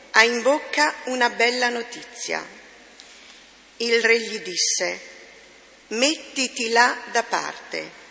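Female lector, measured scripture reading, gravelly, long reverb. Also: on the high side, bright, forceful tone. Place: church.

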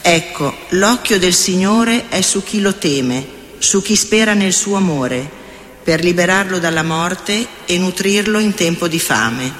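A man serving as lector, reading scripture and psalm responses in a liturgy with a solemn, even delivery, recorded in a church. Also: sits high, measured pace, slight background noise. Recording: echoey church hall with faint ambience.

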